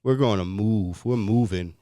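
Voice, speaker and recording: A man's voice: lowish voice, a little slow, dark tone, no echo. A man with a New England accent co-hosting comedic banter, ranting with exasperation about everyday phrases. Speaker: co-host.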